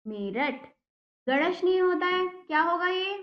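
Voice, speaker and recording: A woman teaching a primary school language lesson, patiently asking questions and slowly repeating the answers. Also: very high voice, lively intonation. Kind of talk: classroom lesson explaining exercises. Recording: echoey room, dull lo-fi sound.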